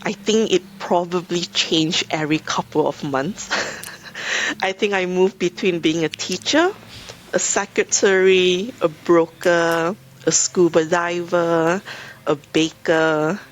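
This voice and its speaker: A woman in her thirties from Malaysia with a Malaysian accent, speaking as a podcast guest in a measured, reflective way. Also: fairly low pitch, fairly even intonation, a little hiss or hum. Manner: thoughtful, measured, frequent hedging "I think". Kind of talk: reflective interview talk.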